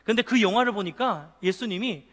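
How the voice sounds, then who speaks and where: High-voiced pastor in a reverberant church. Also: male voice, a little fast. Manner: animated storytelling, acting out scenes and asking the congregation questions. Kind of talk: sermon to a youth service. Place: church sanctuary. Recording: long reverb of a church hall.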